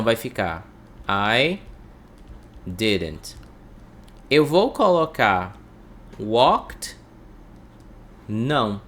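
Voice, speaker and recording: A man teaching English to Portuguese speakers, breaking phrases into slow drills and repeating words for the listener. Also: medium pitch, a bit bright.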